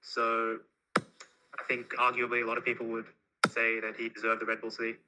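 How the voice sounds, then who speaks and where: A young racing driver on a podcast over a video call, hesitant with many uhs. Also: male voice, medium pitch, monotone, normal speed, pushed and bright, rough recording. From Melbourne.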